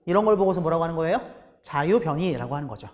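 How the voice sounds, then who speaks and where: A man's voice: fairly high pitch, expressive, quick pace, a little mellow, in a large hall, a little hiss or hum. A man giving a recorded exam-prep lecture. He asks the class questions and then answers them himself. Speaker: English teacher for exam prep.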